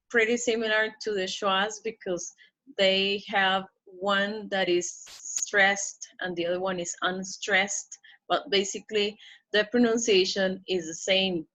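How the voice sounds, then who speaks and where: Woman, pronunciation teacher, bright voice, recorded lesson, step-by-step explanations, slow word modeling. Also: mid-range voice, fairly even intonation, rough recording. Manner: explains step by step, with frequent "okay?" checks; slows down to model the target words.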